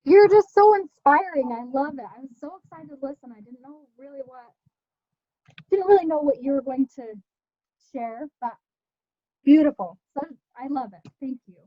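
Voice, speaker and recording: High-pitched gushing woman. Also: moderate pace, no room sound, lo-fi sound. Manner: gushing and excited. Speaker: participant on a video call.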